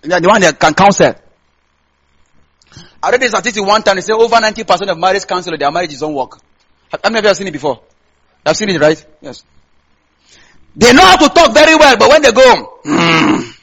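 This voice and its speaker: Male sermon voice, Nigerian Hausa accent, high and rough-edged, conversational delivery with repetition and call-out questions. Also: expressive, quick pace, long pauses, fairly bright tone. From Kaduna State, Nigeria. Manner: conversational, repeats phrases, asks listeners to complete or confirm lines. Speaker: preacher. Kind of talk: sermon to a congregation.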